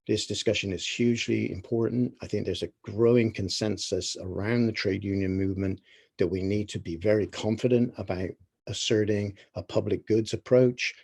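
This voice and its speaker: A man speaking at a union meeting in a husky voice, earnest and deliberate, with pauses as he forms his points. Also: lowish voice, a little mellow. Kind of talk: earnest political talk.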